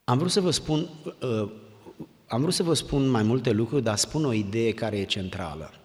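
A man's voice: mid-range voice, expressive. A male preacher gives an earnest, exhorting sermon to young people and repeats his commands again and again. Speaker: pastor. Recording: long hall reverb.

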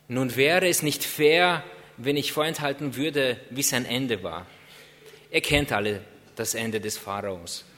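Earnest preacher in a reverberant hall. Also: male voice, medium pitch, fairly bright tone. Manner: earnest, rhetorical questions, drawn-out emphasis. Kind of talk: sermon.

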